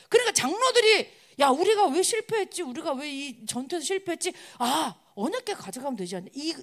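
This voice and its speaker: A woman preacher giving a sermon to college students, constantly asking the listeners questions. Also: high voice. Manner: animated, acts out quoted crowds.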